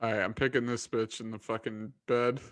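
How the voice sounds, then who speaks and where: A man's voice: medium pitch, flat delivery, brisk. A man co-hosting a show, bantering crudely and teasing strangers on video chat. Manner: joking, profane, teasing strangers. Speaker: podcast co-host.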